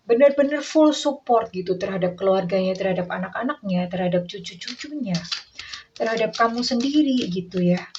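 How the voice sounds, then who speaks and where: A woman giving a casual, chatty tarot reading, slipping English phrases into her talk and acting out quoted lines. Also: mid-range voice. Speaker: tarot reader. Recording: distant, dull lo-fi mic with faint noise.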